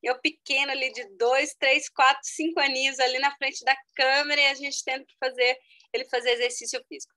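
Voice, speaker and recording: A middle-aged woman lecturing online with a bright, fairly high voice. She explains step by step, speaks straight to her listeners and now and then jumps up in pitch for emphasis. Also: fairly quick, rough recording. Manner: explanatory, addresses the audience as "gente", lively with sudden high exclamations. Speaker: educational psychologist giving a talk.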